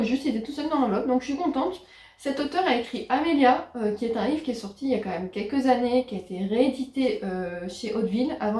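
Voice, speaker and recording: Woman, book vlogger, casual and hesitant, fairly high voice, roomy echoey recording. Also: dark tone. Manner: chatty, hesitant with frequent pauses. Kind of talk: casual book haul chat. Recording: roomy echo.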